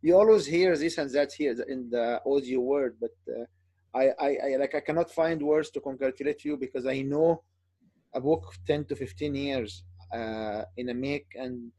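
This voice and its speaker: Halting man host, mellow voice. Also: mid-range voice, dry recording. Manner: halting, many fillers and restarts, encouraging. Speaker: interview host. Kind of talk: casual interview talk.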